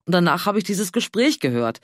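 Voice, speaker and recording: A man voicing a fussy, anxious older man who pleads and frets in a high voice. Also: sing-song, brisk, no room sound, clean studio sound. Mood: eager.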